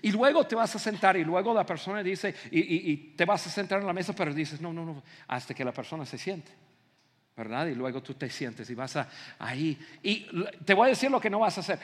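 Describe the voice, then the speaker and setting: A man preaching a sermon in an auditorium, animated and acting out little scenes, often repeating words as he stumbles. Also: high voice, brisk. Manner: animated, acts out scenes, frequent stammered repeats. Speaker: pastor. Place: large auditorium. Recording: reverberant hall.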